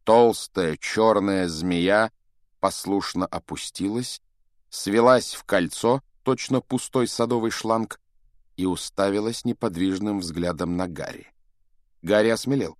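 A man reading a children's fantasy story aloud in an animated, expressive way and voicing each of its characters. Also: on the low side, a little slow, no echo, clean studio sound. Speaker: audiobook narrator.

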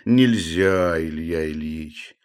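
A man's voice: very deep voice, takes it slowly, a little mellow, clear, resonant tone. A man voicing a stubborn old male manservant who coaxes and scolds with a drawling, muttering manner. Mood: coaxing, scolding.

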